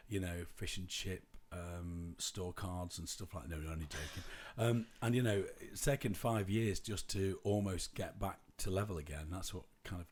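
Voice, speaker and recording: Husky, low-voiced man chatting. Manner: rambling, self-interrupting, jokey. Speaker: podcast co-host. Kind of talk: casual chat.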